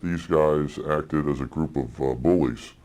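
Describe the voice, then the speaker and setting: Anonymous male source, electronically disguised deep voice, very low pitch, blunt, halting. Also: a little mellow. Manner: blunt and critical, with halting restarts and fillers. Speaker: anonymous federal agent source. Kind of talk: interview clips in a news report.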